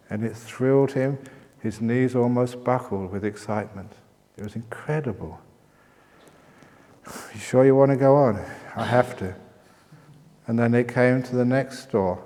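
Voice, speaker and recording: A middle-aged monk giving a dharma talk at a retreat, telling stories in a playful way. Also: male voice, fairly low pitch, darkish tone. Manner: storytelling, breaks into laughter. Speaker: meditation teacher monk. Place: meditation hall at a retreat. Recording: long hall reverb.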